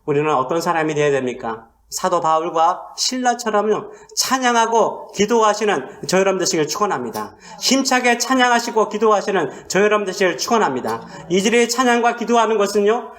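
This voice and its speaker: A male pastor delivering a sermon, asking rhetorical questions and swinging between loud emphasis and hushed asides. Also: high voice, animated, fairly quick, hardly any pauses.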